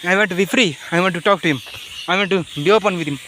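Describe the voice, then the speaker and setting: This is a Nepali-accented man, a vlogger, delivering an unplanned personal monologue that wanders and stalls, often circling back to the same phrases. He has a high-pitched voice, and noise can be heard behind him.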